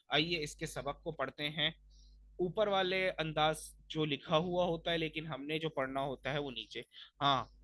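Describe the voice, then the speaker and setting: Bright-voiced male Quran teacher. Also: on the high side. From Pakistan. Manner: explains patiently step by step, stretches recited words slowly and loudly. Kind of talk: Quran recitation lesson.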